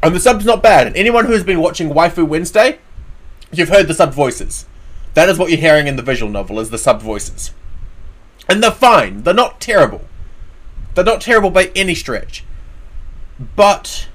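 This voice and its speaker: A man's voice: fairly high pitch, lively intonation, moderate pace, long pauses, a bit bright. A man hosting a casual show, giving his opinions in an emphatic, conversational way. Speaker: show host. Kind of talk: casual opinionated chat about anime dubs.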